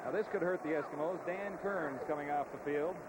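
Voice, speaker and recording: A man's voice: on the high side, a little fast, heavy background noise. A man calling football for television in clipped, factual phrases. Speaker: play-by-play announcer. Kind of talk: TV football commentary. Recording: old TV broadcast, loud background sound.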